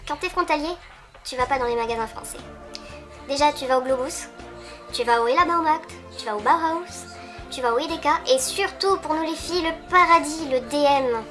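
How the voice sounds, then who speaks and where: A woman's voice: high voice, moderate pace, sharp tone, soft background music. A young woman from the French side of the German border, joking through a comic video monologue and talking straight to her viewers. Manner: playful, teasing, addresses viewers directly. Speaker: vlogger.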